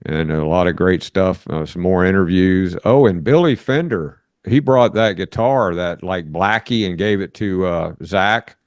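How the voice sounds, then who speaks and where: A man's voice: deep voice, unhurried, few pauses, no echo, clean studio sound. An older man co-hosting a podcast, chatting in a rambling, folksy way with lots of fillers and restarts. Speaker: podcast co-host. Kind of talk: casual chat and interviewing.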